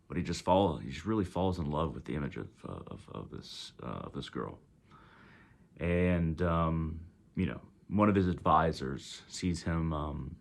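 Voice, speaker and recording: A man's voice: sits low, creaky. A man with a Texas accent casually retelling a story, rambling with many ums and self-corrections. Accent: Texan.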